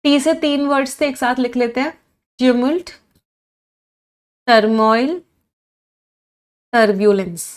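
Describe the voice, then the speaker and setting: Young woman vocabulary teacher with a fairly high voice, running an online class, quizzing and encouraging her students, explaining in Hindi and English. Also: measured pace, pauses often. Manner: lively, quizzing students and praising answers; mixes Hindi and English, spells words out.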